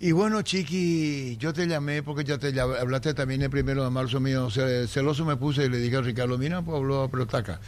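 Man hosting sports radio, mid-pitched, joking with guests. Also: fairly even intonation, a little fast, few pauses. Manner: teasing, banters with guests. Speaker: radio sports show host. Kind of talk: casual sports radio chat.

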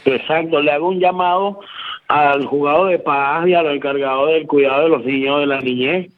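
A man's voice: a little high, steady tone, normal speed. A man with a Venezuelan Caracas accent speaks on a phone interview, pleading and often repeating himself. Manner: pleading, repeats words, says "brother" often. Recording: tinny phone line on radio.

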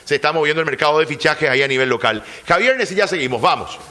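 Brief: male sports radio host, slightly high voice, brisk chatty delivery. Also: lively intonation, bright, forceful tone. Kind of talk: casual sports talk and interviewing.

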